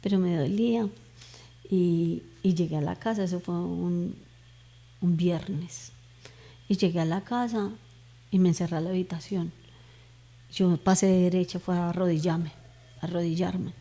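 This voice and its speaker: Warm-voiced woman giving an earnest testimony. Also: lowish voice, steady tone, unhurried, pauses often. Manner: earnest, emotional storytelling with fervent prayer retold aloud. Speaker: guest giving a faith testimony. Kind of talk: personal testimony in conversation.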